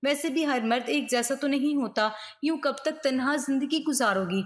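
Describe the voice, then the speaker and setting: A woman's voice: high voice, close to an everyday voice. A woman voicing a kindly old mother. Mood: consoling. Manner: soothing, counselling. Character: kindly elderly mother giving gentle advice.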